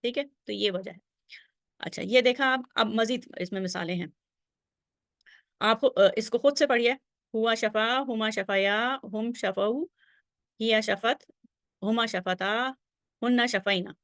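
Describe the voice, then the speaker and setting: A woman's voice: on the high side, long pauses, dry recording, clean studio sound. A woman teaching Arabic grammar in a recorded slide lesson, patiently reciting verb forms and checking in with the listener often. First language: Urdu. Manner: patient, drills conjugations aloud with frequent check-ins.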